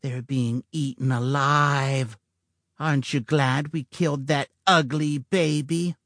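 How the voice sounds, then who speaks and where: A man's voice: mid-range voice, fairly even intonation, takes it slowly, a bit bright, no echo, studio quality, pitched above the performer's own voice. A man voicing a cruel little girl who lives inside a child's head, speaking in a hissing, taunting whisper.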